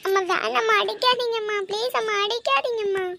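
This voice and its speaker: A woman voicing a young daughter in a cartoon drama, begging her mother in a high, tearful voice. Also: fairly even intonation, brisk, vocal fry, background noise. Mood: pleading.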